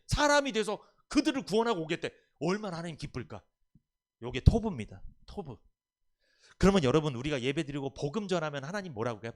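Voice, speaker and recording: Lively, high-pitched preaching man. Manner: emphatic, asks the congregation questions and has them answer. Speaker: pastor. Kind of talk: sermon. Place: church service.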